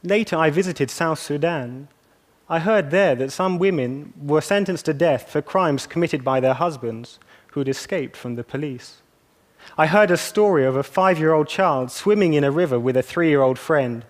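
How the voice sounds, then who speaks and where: A young man from England giving a measured, earnest talk to an audience. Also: fairly high pitch. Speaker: speaker. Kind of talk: scripted talk.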